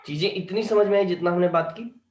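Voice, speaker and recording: A man's voice: high-pitched, brisk, a little mellow. Male teacher, echoey room. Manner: keeps asking students if they understood. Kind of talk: online lecture.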